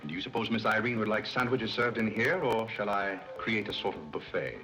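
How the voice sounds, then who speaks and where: An actor playing a composed, deferential butler in 1930s screwball comedy banter, formal, measured and deadpan. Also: male voice, lowish voice, close to an everyday voice. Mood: polite deadpan. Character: composed, deferential, dryly dignified male butler. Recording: old 1930s film soundtrack, music behind.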